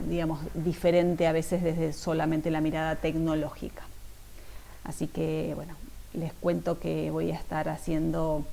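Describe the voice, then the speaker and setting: An Argentine woman gives a conference keynote in a flat, low voice. Her tone is dark and mellow with a gravelly fry. She hesitates and restarts a lot as she talks. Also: slight background noise, rough recording. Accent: Argentine Spanish. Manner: hesitant, many fillers and restarts. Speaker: industrial designer giving a keynote talk.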